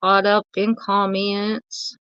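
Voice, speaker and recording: A Southern US woman hosting a casual true crime livestream rambles warmly through the comments, full of ums and uhs, her tired voice close to giving out. She speaks slowly in a monotone, mid-range voice that is clear and resonant. The audio is dry, close and slightly dull and muffled, with no room echo.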